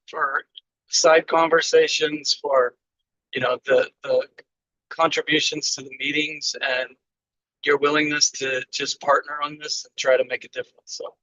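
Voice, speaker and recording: A man calling in from his car over speakerphone, giving halting thank-you remarks as a port representative at a community meeting, with frequent ums and restarts. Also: medium pitch, pushed and bright, no echo. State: calling in while driving. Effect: call from a car over speakerphone. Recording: dull lo-fi call audio from a car.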